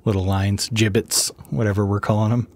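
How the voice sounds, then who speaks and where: Narrating his drawing casually for his art channel, this man seems worn out and unwell, with low energy. He speaks at normal speed in a fairly low, raspy voice with little pitch movement, rambling softly while a little hiss or hum sits in the audio.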